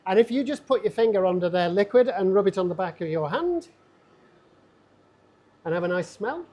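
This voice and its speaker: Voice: medium pitch, expressive, normal speed, mellow. Give me a distiller whose audio is clipping and distorted. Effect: clipping, distorted in-camera audio from a mic set too hot. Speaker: distiller giving a tour. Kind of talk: casual on-site explanation. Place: distillery, beside the still. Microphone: wireless clip-on mic recorded into the camera.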